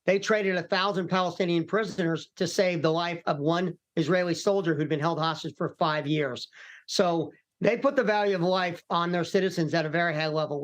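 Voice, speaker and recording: Calm, higher-voiced American man, expert guest. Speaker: retired military commander and hostage expert guest. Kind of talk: live news interview analysis.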